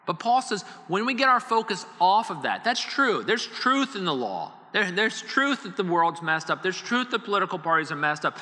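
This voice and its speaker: A man's voice: high-pitched, sing-song, moderate pace, hardly any pauses, bright, forceful tone. A middle-aged man, a pastor, preaching a sermon in an earnest, conversational way with many repetitions. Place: church hall. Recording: long reverb of a large hall.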